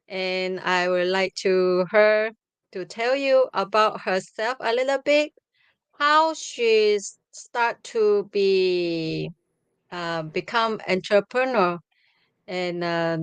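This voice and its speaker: A woman, hosting a live stream from home over a video call, speaking haltingly with many restarts. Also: medium pitch, smooth, dry recording. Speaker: host. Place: home room with bookshelves. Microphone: webcam on video call.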